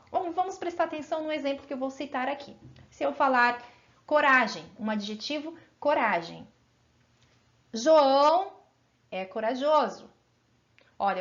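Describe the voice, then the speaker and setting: A woman teaches a children's grammar lesson in a high, bright-toned voice, stretching each example word out slowly. She keeps checking that her pupils follow along, and the recording sounds somewhat dull and lo-fi. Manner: encouraging, asks pupils frequent check-in questions.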